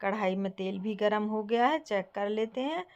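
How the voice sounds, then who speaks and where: A young woman from Bundelkhand hosting her home cooking channel, calmly explaining each step to viewers. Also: medium pitch, moderate pace, muffled recording. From Bundelkhand, India. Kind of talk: casual cooking tutorial.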